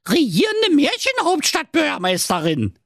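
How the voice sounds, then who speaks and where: A man's voice: very high-pitched, huge pitch swings, moderate pace, a bit bright, dry recording, clean studio sound, voice pushed up, full character voice. A man voicing a greedy, lazy wife who nags and insults her husband. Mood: smug. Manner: bossy, insulting, crude. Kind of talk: comic fairy tale reading.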